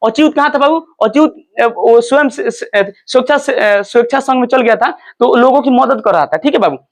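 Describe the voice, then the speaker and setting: A man with a notably high voice tells a story as a lesson. He talks in an animated way, stops often to quiz his students and acts out the characters' cries as he goes. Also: brisk. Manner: animated, keeps checking understanding with repeated questions. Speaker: teacher.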